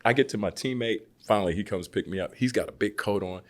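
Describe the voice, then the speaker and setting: An American man in his fifties, a former basketball player, telling stories as a guest in a casual interview, acting out the people he quotes. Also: quick pace. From United States. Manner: lively storyteller who acts out quoted people with big jumps in pitch. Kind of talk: casual storytelling chat.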